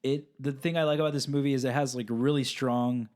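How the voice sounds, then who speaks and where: A man talks through a film ranking in a loose, casual way. He rambles, with many fillers and restarts, in a voice of middling pitch. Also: fairly even intonation, brisk, darkish tone. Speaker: podcast co-host.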